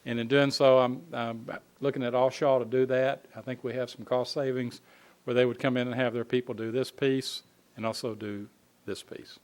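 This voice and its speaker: A man giving an informal spoken report at a city council meeting, pausing often on fillers and restarting phrases. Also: medium pitch, little pitch movement. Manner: halting, frequent uh fillers and restarts. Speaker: city staff presenting a construction update to council.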